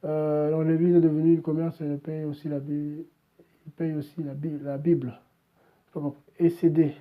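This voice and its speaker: A man preaching live online sounds a little high for his sex and pushes his listeners with blunt, repeated exhortations. The stream audio comes through dull and lo-fi, like a webcam mic. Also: little pitch movement, normal speed. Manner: exhorting, repetitive, keeps saying "voilà".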